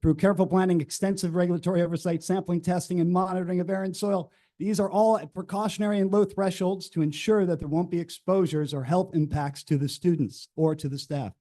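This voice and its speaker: A man's voice: sits high, fairly even intonation, fast, hardly any pauses, dark tone. A man giving a firm prepared public comment at a school board meeting, speaking as a parent and engineer. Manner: firm, emphatic prepared statement.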